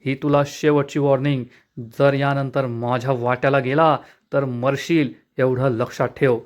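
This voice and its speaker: A man's voice: medium pitch, flat delivery, moderate pace, natural voice. A man reading the lines of a young adult son who is furious and defiant, threatening his father in a menacing tone. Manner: shouting, menacing.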